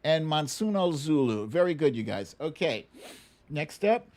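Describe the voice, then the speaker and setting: An American livestream host chats casually and reads out viewer names during a song guessing game, sounding playful and self-deprecating. The voice is medium-pitched and a little mellow, unhurried, with big swings in pitch.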